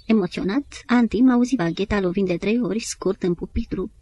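A woman narrating an audiobook in a measured storytelling manner. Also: mid-range voice, dark tone, lo-fi sound. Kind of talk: scripted literary narration.

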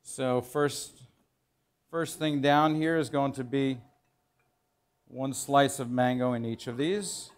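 A chef of middle age teaches while he cooks in an indoor professional kitchen, his demo explanations informal and halting, with phrases repeated for emphasis. His voice sits in the mid range.

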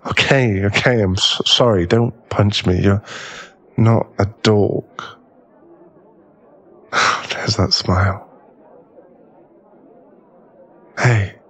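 In an ASMR boyfriend roleplay, a man with a mid-range voice plays a young werewolf who owns a bar. He teases but is secretly tender, sounding soft and smitten, and his delivery halts and stammers.

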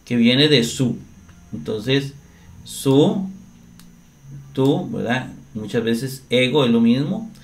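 A man teaching Greek grammar in a slow, step-by-step screen-share lesson, often checking in with his listeners. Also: mid-range voice, slight background noise. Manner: slow, deliberate, often asks "¿verdad?".

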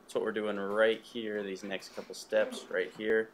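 A man's voice: on the low side, unhurried, slight background noise. A young man casually talking viewers through a recipe in his home kitchen. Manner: relaxed, talks viewers through steps. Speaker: cooking vlog host.

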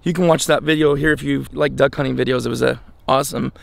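Outdoors in an open dry yard, a fortysomething American man hosting a hunting channel runs a casual product test vlog, explaining things plainly and informally. He talks fast in a mid-range voice with fairly even intonation, and outdoor ambient noise is clearly audible.

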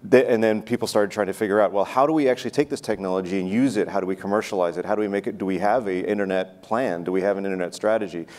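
A man in his forties speaking as a panelist on a conference stage, explaining briskly with filler "uh"s into a lapel mic. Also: lowish voice, fairly even intonation, darkish tone. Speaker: panelist, institute director.

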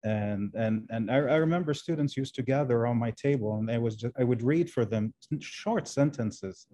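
Mellow-voiced Kuwaiti man on a video call. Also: mid-range voice, normal speed. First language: Arabic. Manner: hesitant, many fillers and restarts. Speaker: guest, translation professor. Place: indoor room.

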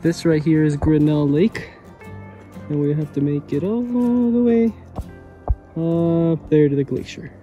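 A man in his twenties talking in a relaxed, easygoing way on a casual hiking vlog, recorded outdoors on a phone held at arm's length. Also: fairly high pitch, a little slow, lo-fi sound, soft background music. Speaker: vlogger. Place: mountain trail outdoors. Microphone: partner's phone at arm's length.

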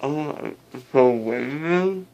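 A man's voice: on the high side, lively intonation, slow pace, darkish tone. A groggy teenage boy, loopy after having his wisdom teeth out, rambling giddily and repeating himself through a mouth muffled by cotton. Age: teens. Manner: rambling, repetitive, giddy. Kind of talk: casual rambling to camera. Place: small indoor room, seated in armchair.

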